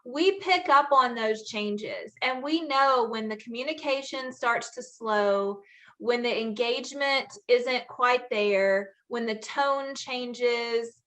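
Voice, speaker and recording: Bright chatty woman author on a call. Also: fairly high pitch, slow. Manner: earnest, chatty, full of fillers. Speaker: author hosting a book talk. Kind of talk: casual panel chat. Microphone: video call.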